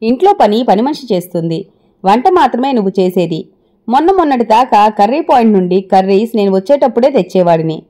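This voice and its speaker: A woman's voice: on the high side, very animated, brisk, mellow. A woman voicing a proud young husband in a family quarrel, talking sharply and reproachfully. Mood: resentful.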